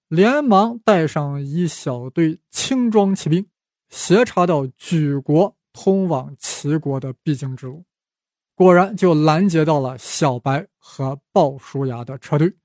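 A man narrates history in a chatty, joking way and keeps turning to the listener with asides. His voice sits a little high, and the sound is dry and close, with no room around it. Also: a little mellow, dry recording. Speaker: podcast host. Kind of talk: casual history storytelling.

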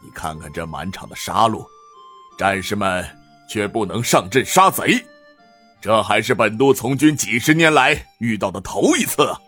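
A man's voice: on the low side, expressive, normal speed, a bit bright, breathy edge, soft background music. Man doing a swaggering bloodthirsty general. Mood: scornful. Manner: swaggering, grumbling with sighs. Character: boastful middle-aged male army governor, bloodthirsty.

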